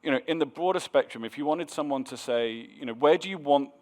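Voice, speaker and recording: A man's voice: a little high, quick pace, a little mellow. A man moderating a panel discussion, hesitant and often repeating words as he thinks.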